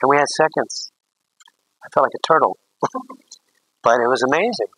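Man, priest, catechism class, anecdotal and joking, bright tone, dry sound. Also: mid-range voice, lively intonation, normal speed, no echo, rough recording. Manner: rambling, anecdotal, jokey asides.

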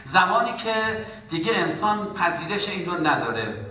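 A man preaching a sermon as a pastor, in an impassioned way that rises to loud exhortation. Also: high-pitched, very animated. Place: church. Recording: echoey church hall from far off.

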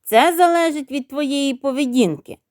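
A woman's voice: fairly high pitch, sing-song, a little slow, a little mellow, no echo, clean studio sound. Stern father rooster, as a woman puts him on. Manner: stern, scolding.

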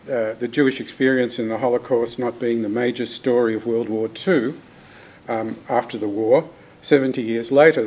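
A man in his sixties from Australia, a retired sociologist introducing himself in measured, understated terms in a seminar room. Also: mid-range voice, darkish tone. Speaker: retired sociologist, conference panelist. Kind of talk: self-introduction at an academic workshop. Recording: faint room noise.

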